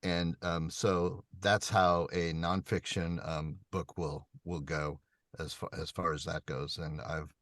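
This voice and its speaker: A man who narrates audiobooks answers questions on a video call. He explains things in a measured way with frequent ums. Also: sits low, flat delivery, a bit bright, dry recording, clean studio sound.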